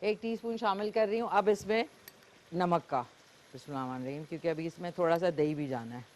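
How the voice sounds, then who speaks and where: A woman's voice: lowish voice, quick pace, darkish tone. Woman, Pakistani Urdu accent, cooking show host, talks while cooking, faint noise. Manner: chatty, talks while cooking, frequent fillers. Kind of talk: live cooking demonstration with callers.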